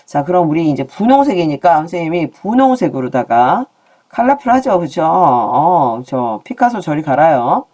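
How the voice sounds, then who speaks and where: Woman math teacher, lively and joking with her class, low mellow voice. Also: moderate pace. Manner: playful, asks questions and jokes with students. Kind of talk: online math lesson.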